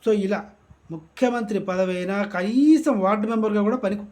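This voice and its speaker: A man's voice: high-pitched, normal speed, a little mellow. A man from Andhra Pradesh giving satirical political commentary in a mocking, sarcastic ranting way.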